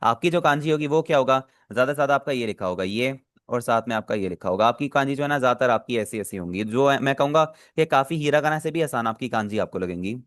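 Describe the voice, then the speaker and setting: Man, mid-pitched, patient online teacher who quizzes students and repeats himself; dry, close sound. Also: lively intonation, fast talker, hardly any pauses, no echo. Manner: patient, repeats and checks understanding with filler phrases; asks the class questions then answers them. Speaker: Japanese language teacher. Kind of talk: online vocabulary lesson.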